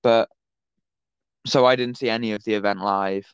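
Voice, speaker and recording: A man's voice: on the low side, fairly even intonation, moderate pace, clean tone, no echo, highs cut off. Teen guy telling a rambling story. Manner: rambling anecdote with many fillers. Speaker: podcast co-host. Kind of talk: casual chat, storytelling.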